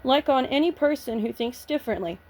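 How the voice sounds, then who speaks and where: A woman's voice: high voice, lively intonation, brisk, darkish tone. A woman vlogging in a casual, blunt rant, swearing freely and sounding nervous and shaky. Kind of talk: casual ranting vlog.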